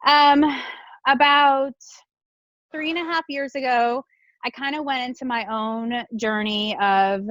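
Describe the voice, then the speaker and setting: A woman's voice: high-pitched, a little slow, no room sound, muffled recording. Earnest woman guest in her forties, dry sound. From Buffalo, New York, USA. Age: 40s. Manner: steady, earnest storytelling. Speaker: guest, nutrition coach. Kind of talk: interview answers.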